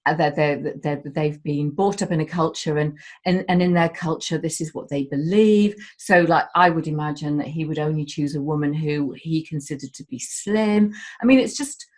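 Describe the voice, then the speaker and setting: A woman with a slightly low-pitched voice, talking candidly and from the heart. She speaks with open emotion and drops the odd casual swear word, sounding unguarded. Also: normal speed, darkish tone. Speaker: guest. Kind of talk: candid conversation.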